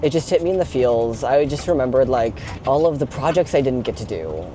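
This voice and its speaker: This vlogger is a young man whose mid-range voice is brisk, expressive and dark in tone. Driving a moving box truck, he talks casually and confessionally in a loose, sweary ramble laced with "like," with engine and road noise clearly audible.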